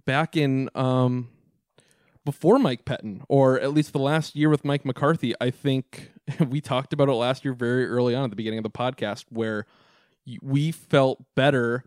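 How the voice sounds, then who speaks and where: A man's voice: medium pitch, fairly even intonation, moderate pace, darkish tone, dry recording, clean studio sound. A man co-hosting a sports podcast, talking in a casual, rambling way with frequent restarts. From Minnesota. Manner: rambling, restarts often, laughs easily. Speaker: podcast co-host.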